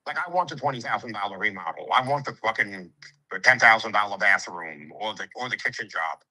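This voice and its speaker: A man's voice: on the low side, expressive, fairly quick, pushed and bright, low-quality recording. A brash man, a home improvement contractor lecturing in casual, streetwise talk with swearing and acted-out quotes. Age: 50s. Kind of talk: casual sales conversation.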